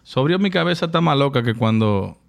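A man's voice: mid-range voice, animated, fairly quick, creaky. A young man with a Dominican Spanish accent, ribbing his friends in crude, teasing podcast banter. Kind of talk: casual chat.

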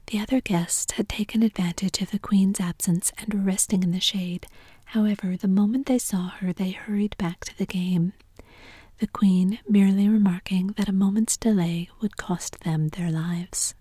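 Woman, whispered storybook reading, breathy, mellow, dry close sound. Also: medium pitch, moderate pace, no echo. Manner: steady whisper.

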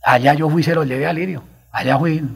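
Agitated, gravelly Colombian man rambling. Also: on the high side, fairly even intonation, fairly quick. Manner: rambling, repeating himself, agitated storytelling. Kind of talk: radio talk show conversation.

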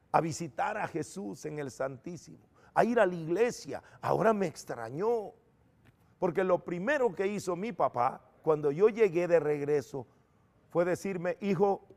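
A middle-aged man, a preacher, telling his personal testimony in an earnest, animated storytelling manner. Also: fairly high pitch, gravelly.

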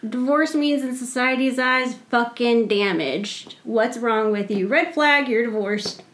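A woman's voice: fairly high pitch, measured pace, fairly bright tone. A woman in her thirties co-hosting a casual podcast, blunt and ranting with constant swearing. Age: 30s. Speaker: podcast co-host.

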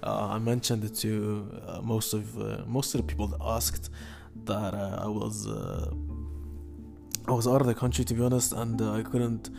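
A man hosting a casual solo sports betting podcast in halting, hesitant speech, often stopping and repeating himself. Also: fairly low pitch, fairly even intonation, creaky, over music. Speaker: podcast host.

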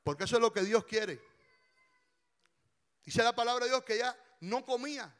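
A man preaching a passionate sermon as pastor, rising to shouts and drawing his words out slowly. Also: very high-pitched.

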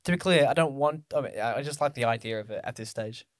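A man's voice: mid-range voice, fast, dry recording, clean studio sound. A man co-hosting a casual chat, eager and chatty, swearing now and then.

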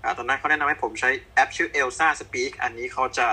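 A man's voice: medium pitch, steady tone, brisk, pushed and bright, breathy edge, low-quality recording. A man doctor from Thailand on an online panel, speaking step by step with many fillers.

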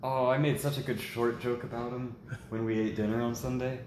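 A young man in casual podcast chat, teasing his friend in a dry, deadpan way. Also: medium pitch, brisk. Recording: echoey room with faint ambient noise.

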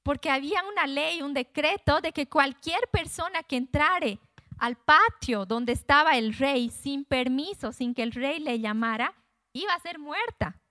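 High-voiced woman teaching the Bible. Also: animated, a little slow, pushed and bright, no room sound, studio quality. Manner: conversational, retells scripture in her own words.

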